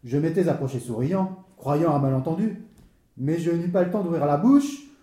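A man's voice: on the high side, animated, normal speed, warm tone, echoey room, close to an everyday voice. A man playing a talkative man who tells a comic misadventure with theatrical, wordy flair and is easily flustered. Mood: peeved. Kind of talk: stage comedy dialogue.

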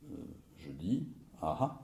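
Wry know-it-all,: low, mellow voice that swoops widely; roomy sound. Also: male voice, sing-song, slow, heavily acted. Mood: teasing. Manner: mocking, knowing, pedantic. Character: wry, pedantic man teasing his friend. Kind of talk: stage comedy dialogue.

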